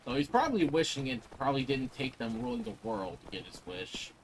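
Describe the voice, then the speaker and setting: A man's voice: medium pitch, very animated, brisk, slight background noise, rough recording. A man giving casual, opinionated commentary while gaming, speaking emphatically and swearing freely. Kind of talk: casual chat over gameplay.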